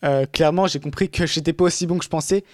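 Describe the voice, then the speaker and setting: A young man speaks fast in a relaxed conversation. His voice sits slightly high. The sound is dry and close, with no room echo. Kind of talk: casual conversation.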